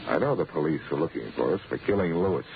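An actor playing a wry, assertive amateur sleuth in a 1940s radio drama. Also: male voice, rumbling low, expressive, fast talker. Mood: pressing, confident. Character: brisk, wisecracking adult male amateur sleuth. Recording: muffled old radio recording, hiss.

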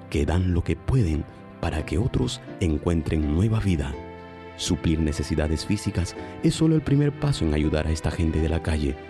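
A man announcing and narrating a religious radio program in a solemn, measured way. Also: low-pitched.

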